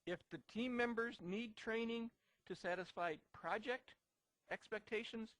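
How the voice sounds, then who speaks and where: A man's voice: sits high, measured pace, a bit bright, no room sound, low-quality recording. A man teaching a recorded lecture, talking emphatically and often repeating himself to drive a point home. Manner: emphatic, repetitive, acts out short quotes. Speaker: instructor.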